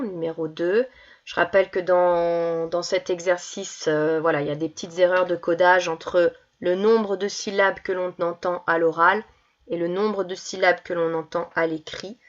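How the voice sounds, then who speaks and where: A woman's voice: on the low side, steady tone, unhurried, lo-fi sound. A woman teacher explains worksheet exercises to young children, carefully stretching out each word for dictation. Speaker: schoolteacher.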